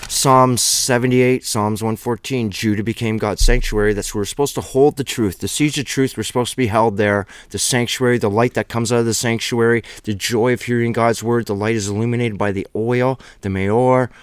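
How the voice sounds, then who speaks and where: A man's voice: mid-range voice, steady tone, normal speed, smooth, dry recording. A middle-aged man giving an earnest, emphatic Bible teaching by video, with a preacher's fervor.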